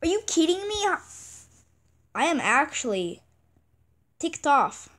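A woman giving casual gameplay commentary, excitable and chatty, repeating exclamations and stumbling over words. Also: sits high, slow. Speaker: gaming channel host.

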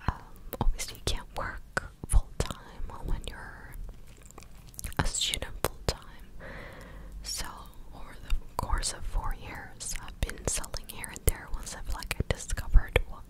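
A woman in her twenties chatting casually in a breathy, close-up ASMR whisper, right up at the microphone as if into the listener's ear. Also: a little slow, rough recording. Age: 20s. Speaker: ASMR content creator. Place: living room indoors. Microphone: large USB microphone very close to the mouth.

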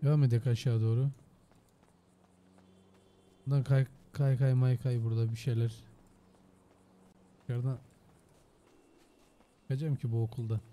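A man streams a game in a loud, joking, foul-mouthed way. His voice is mellow and dark, and a bit hoarse. He keeps up casual play-by-play commentary as he explores. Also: medium pitch, little pitch movement, measured pace, long pauses. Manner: loud, joking and heavily profane. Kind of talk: casual gaming livestream commentary.

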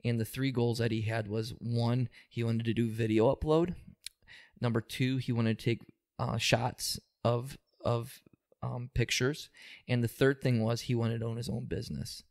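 In interview answers, a man who works as an employment supervisor speaks in a mid-range, darkish voice at a moderate pace with a flat delivery. His explanations are steady, though punctuated by frequent ums and minor restarts.

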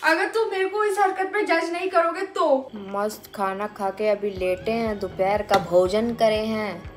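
A young woman in her twenties, a vlogger, chats playfully and self-mockingly to camera in a small home kitchen. Her medium-pitched voice is animated yet measured, and the kitchen sounds echoey with music underneath.

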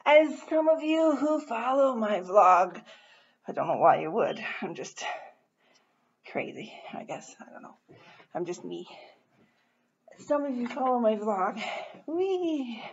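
A woman's voice: on the high side, animated, measured pace, long pauses, breathy edge, highs cut off. A woman in her forties talking candidly and rambling in a casual vlog, tired and a little out of breath from moving house. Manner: rambling, candid, self-deprecating. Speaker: vlogger. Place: house being moved out of.

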